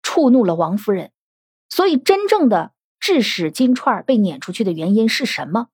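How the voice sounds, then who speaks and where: A woman's voice: medium pitch, very animated, moderate pace, a little mellow, breathy edge, no echo, clean studio sound. A woman giving podcast commentary on a classic novel, analytical and full of rhetorical questions. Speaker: literature commentator.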